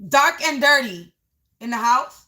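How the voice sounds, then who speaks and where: A woman's voice: high-pitched, expressive, unhurried, pushed and bright. A woman giving a live psychic reading, narrating visions as they come to her, repeating phrases and stretching out key words for emphasis. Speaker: psychic reader.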